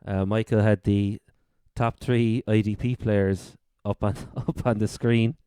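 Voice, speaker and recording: A man's voice: lowish voice, steady tone, unhurried, mellow, smooth, dry recording, clean studio sound. A man with a Cork accent from Ireland, co-hosting a sports podcast and casually running through updates. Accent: Irish, Cork. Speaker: fantasy football podcast co-host.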